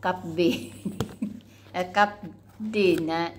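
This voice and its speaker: A woman with a somewhat low voice chats casually in a home vlog. She tells an everyday story with animation, slipping into stern quoted lines as she goes. There is a faint hiss behind her. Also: drawn-out words. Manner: animated storytelling, quoting herself scolding a child. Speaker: vlogger. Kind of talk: casual chat.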